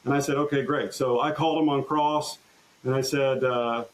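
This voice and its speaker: Male trial lawyer guest, mid-pitched, earnest storyteller, halting restarts, podcast interview. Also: steady tone, rough recording. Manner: earnest, halting restarts, recounts courtroom exchanges.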